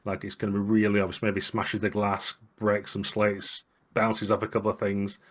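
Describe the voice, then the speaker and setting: A man acting as narrator in a tabletop game, describing the scene in a measured, descriptive way. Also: on the low side, completely flat delivery. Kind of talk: tabletop role-play narration.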